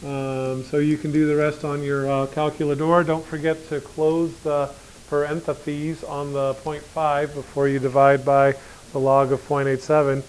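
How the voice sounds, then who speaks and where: Man, slightly high voice, math teacher, classroom lecture, casual, joking, quizzes students. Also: level tone, unhurried, a little mellow, a little hiss or hum, rough recording.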